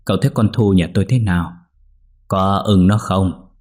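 A man's voice: low voice, normal speed, a little mellow. A man voicing a jovial older village man who teases a young guest in a folksy way. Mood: teasing. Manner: teasing, folksy.

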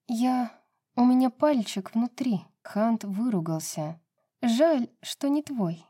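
A woman narrating a romance novel as an audiobook, in an even reading voice. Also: fairly low pitch.

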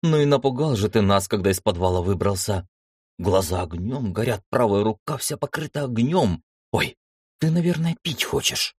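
A warm-hearted young sister, excitable and fussing, voiced by a man who lifts his voice well above his own. Her lines come out eager and bright. The sound is close and dry. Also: lowish voice, normal speed, husky, dry recording. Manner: raised, eager voice.

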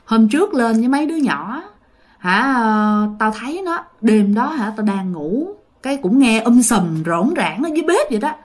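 A woman voicing a calm, matter-of-fact old grandmother telling what she saw. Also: a little high, moderate pace.

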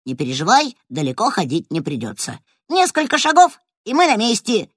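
Storybook rat, proud and impatient, put on by a woman narrator, animated swoops. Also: on the low side, normal speed, husky, no room sound, clean studio sound, heavily acted. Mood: sly. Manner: eager, teasing, smug. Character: cocky male pet rat, playful and proud.

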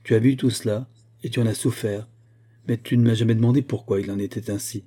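A man's voice: on the low side, fairly even intonation, fast talker, mellow, close to an everyday voice. A male audiobook reader voicing a weary aging father who speaks in a somber, brooding way.

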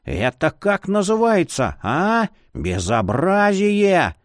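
A man's voice: sits high, wildly swooping pitch, slow pace, dry recording, clean studio sound, voice pushed up, full character voice. A man voicing a stern female sorceress mentor who scolds and hisses. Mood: scolding. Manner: scolding, hissing.

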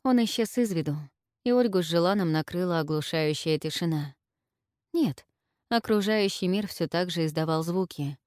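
A woman narrating a historical novel, her voice on the low side. She tells the story in a measured, even way. The recording is dry and close, with no room sound. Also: no room sound. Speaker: audiobook narrator. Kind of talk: scripted narration.

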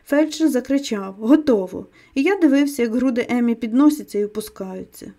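Mellow higher-voiced woman reading dramatically. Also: animated, fairly quick. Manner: tense dramatic reading of a first-person male story. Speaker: audiobook narrator. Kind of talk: scripted audiobook narration.

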